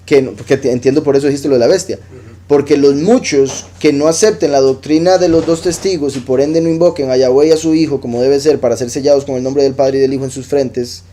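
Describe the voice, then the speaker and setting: A man's voice: medium pitch, quick pace, dark tone. A man teaching scripture to a congregation, explaining a passage step by step and repeating his key points. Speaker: Bible teacher.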